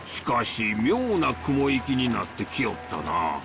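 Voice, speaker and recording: A man's voice: mid-range voice, animated, brisk, creaky. An actor playing a shrewd, scheming man with a Kansai accent in a mystery game drama. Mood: suspicious. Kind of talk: Japanese game voice acting. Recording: loud music under the voice.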